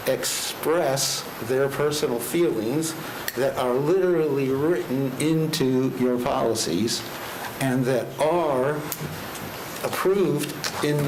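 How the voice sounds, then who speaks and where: A man in his sixties speaks through a face mask, giving measured, formal testimony at a public hearing. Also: mid-range voice. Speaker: retired land planner addressing a county commission. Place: indoor public meeting chamber. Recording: echoey meeting room with clear background noise.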